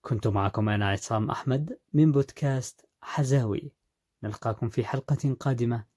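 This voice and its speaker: Brief: male podcast narrator, warm mellow tone, measured scripted storytelling. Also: mid-range voice, husky.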